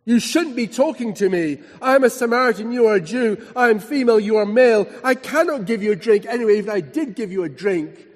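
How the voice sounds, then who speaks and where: A man's voice: a little high, lively intonation, fairly quick, darkish tone, slightly rough, big-room sound. A man preacher voicing an indignant, defensive woman at a well as he retells a story in his sermon. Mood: outraged.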